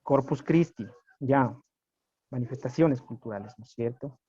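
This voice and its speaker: A man's voice: mid-range voice, measured pace, dark tone. A man giving a classroom lecture, often checking with his students by asking "right?". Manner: checks understanding with frequent tag questions. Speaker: teacher. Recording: muffled lo-fi recording.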